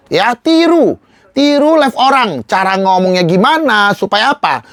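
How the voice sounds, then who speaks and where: A young man with a noticeably high voice talks viewers through a slide tutorial in a casual, slangy way. He is emphatic, answers his own rhetorical questions and keeps circling back to reminders. The recording is close and dry, with no room sound. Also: no room sound. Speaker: live-selling coach. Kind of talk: slide-based tutorial talk.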